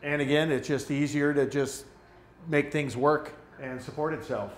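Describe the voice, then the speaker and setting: Brewery owner, 50s, casual demo voice, slightly high, roomy echo. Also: male voice, normal speed. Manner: relaxed, practical, pointing things out while talking. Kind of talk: casual equipment walkthrough. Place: brewery floor among steel tanks, indoors. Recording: echoey brewery room with faint hum.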